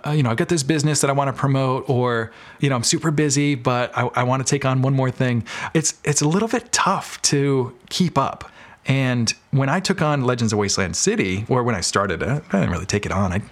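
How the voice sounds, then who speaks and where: A podcast guest, a filmmaker and creator of audio dramas, chats in a relaxed interview. His mid-range voice runs a little fast, and his talk is candid and informal, with explanations that ramble.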